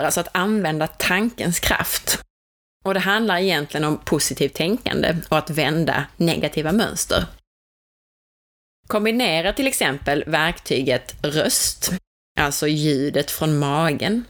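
A woman giving a calm, explanatory lesson on coping techniques for labor, gently coaching the listener. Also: low voice. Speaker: childbirth educator. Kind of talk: instructional talk.

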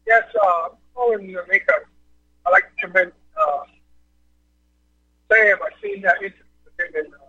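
A man calling in to a radio show on a speakerphone, so faint he can barely be heard, talking in halting bits that trail off. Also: sits high, bright, forceful tone. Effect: faint speakerphone call over a phone line. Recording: muffled distant phone line.

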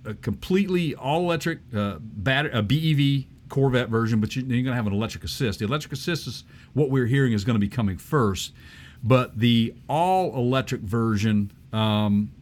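A man's voice: medium pitch, a little fast, slight background noise. A man co-hosting a casual chat show, easygoing and agreeable, often restarting his sentences. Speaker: podcast co-host.

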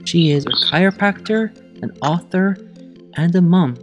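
A man hosting a podcast, introducing his guest and asking short, calm questions. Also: sits high, unhurried, highs cut off, faint music behind. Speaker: podcast host. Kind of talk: interview hosting.

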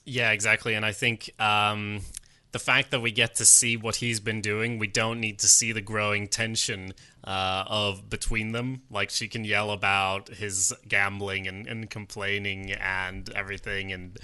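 Bright-voiced man in casual recap chat. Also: lowish voice, a little slow. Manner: relaxed, rambling, swears casually. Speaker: podcast co-host.

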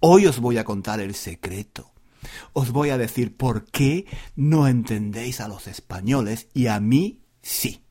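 A man from Granada teaching Spanish to learners, talking slowly and clearly, pronouncing every syllable and repeating himself often. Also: mid-range voice, expressive, warm tone. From Granada, Spain. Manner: deliberate, carefully enunciated, repetitive. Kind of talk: slow teaching monologue for learners.

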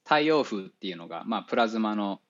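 A man, an engineer guest in a casual interview, explaining things step by step with many fillers and pauses. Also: fairly low pitch, animated, a bit bright. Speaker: spacecraft navigation engineer. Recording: dull lo-fi audio.

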